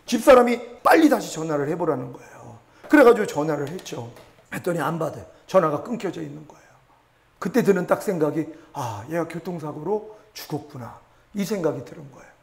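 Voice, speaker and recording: A man's voice: a little high, animated, fast, gravelly. A middle-aged man, a pastor, preaching a sermon and telling a personal testimony with emotion, acting out prayers and quoted voices.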